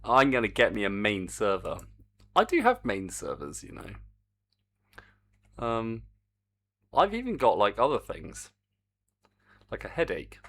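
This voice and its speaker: While coding on a live stream, a game developer chats with viewers in a meandering, self-mocking style. His voice is lowish and a bit bright, with wildly swooping pitch, a slow pace and long pauses.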